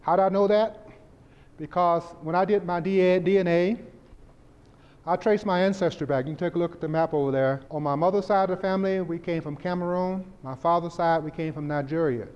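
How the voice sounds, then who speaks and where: An older man, an event organizer, stands in a community center room presenting upcoming festival events in a forthright, earnest public presentation. His high, clear voice is fairly quick with a darkish, resonant tone, captured in a dull, echoey hall recording.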